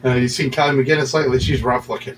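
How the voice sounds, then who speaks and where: A man's voice: medium pitch, steady tone, rapid-fire, a little hiss or hum, rough recording. Rambling man on a podcast. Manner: rambling, many fillers and restarts. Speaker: podcast co-host. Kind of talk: casual podcast chat.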